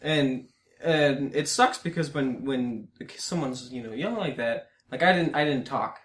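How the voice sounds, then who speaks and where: A man co-hosting a casual podcast chat, animated and quick to swear. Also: medium pitch. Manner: animated, swears freely, acts out quoted reactions. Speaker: podcast co-host. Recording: roomy echo.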